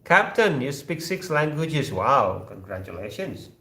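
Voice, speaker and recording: Hosting a laid-back live chat stream, he jokes and teases viewers, his speech full of fillers and restarts; he has an Indonesian accent and speaks Sundanese natively. The mid-range voice is very animated, a bit slow, pushed and bright, recorded in a roomy space.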